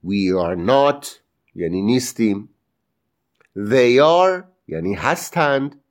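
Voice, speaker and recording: A man teaching English grammar in Persian, sounding out example phrases slowly and lifting his voice on questions. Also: mid-range voice, lively intonation. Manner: slow, drawn-out model pronunciation of English phrases.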